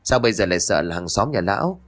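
A man's voice: low voice, animated, fast, fairly bright tone. A man voicing a callous, greedy lover who talks glibly and cockily in a spoken ghost story. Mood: cocky. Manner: glib, cocky.

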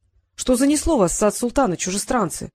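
A woman voicing a polite, gentle young male sultan in an audiobook, soft-spoken and courteous. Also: on the high side, lively intonation, brisk, no room sound.

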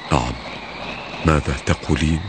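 An actor playing a humble, gentle caliph who speaks softly and gravely in a radio drama. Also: male voice, very deep voice, steady tone. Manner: soft-spoken, measured, grave. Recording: noisy old radio recording.

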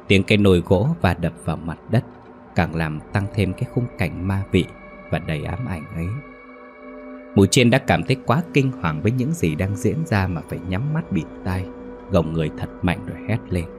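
A deep-voiced man reads a ghost story aloud in a steady, dramatic narration. Faint music plays softly beneath his voice. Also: normal speed.

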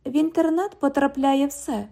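A woman's voice: high-pitched, fairly even intonation, normal speed, creaky, dark tone. A woman reading an audiobook, voicing a sarcastic, mocking twenty-year-old woman who works as a bank cashier. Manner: mocking, cheeky, parrots the other speaker.

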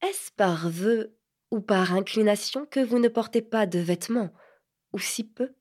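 A woman's voice: medium pitch, darkish tone, lightly acted. A woman reading a cool, mocking grown lady. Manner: grave, unhurried irony. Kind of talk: audiobook character reading.

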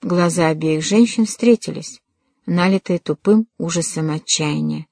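A woman reading an audiobook in an even, measured narration. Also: fairly low pitch, gravelly, no room sound. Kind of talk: scripted narration.

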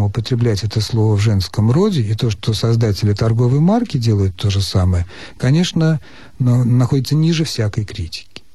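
Measured, lecturing man with a mellow voice. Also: mid-range voice, breathy edge, no echo. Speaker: language expert answering listeners. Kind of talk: radio call-in explanation. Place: radio studio.

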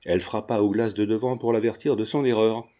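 A man reading a classic novel aloud as an audiobook narrator, with steady storytelling delivery. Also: fairly low pitch, a little fast.

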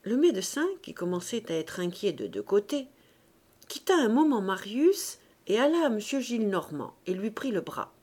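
A woman narrating a classic novel as an audiobook, in a measured, dramatic reading with hushed passages. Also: medium pitch, sing-song.

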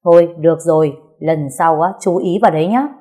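A woman's voice: deep voice, a little fast, dark tone, lightly acted. A woman voicing a stern, curt middle-aged stepmother who scolds.

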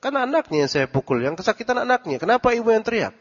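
A man's voice: sits high, very animated, quick pace, pitched above the performer's own voice. A man voicing an indignant adult male debt collector in a lesson story, protesting with mocking questions. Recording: dull recording with long hall reverb.

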